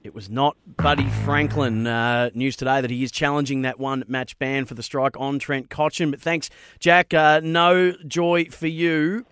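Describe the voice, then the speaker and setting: A man's voice: mid-range voice, level tone, normal speed, fairly bright tone, smooth, no room sound. An Australian man presenting a live sports talkback show and quiz on radio, close on a studio microphone.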